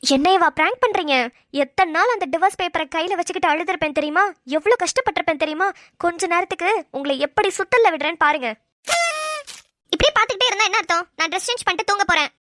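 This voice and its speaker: Woman voicing a very high-voiced teasing young wife. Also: animated, fast, a bit bright, no room sound, studio quality. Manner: teasing, haughty. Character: proud young wife, playfully stubborn. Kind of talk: amateur cartoon voice acting.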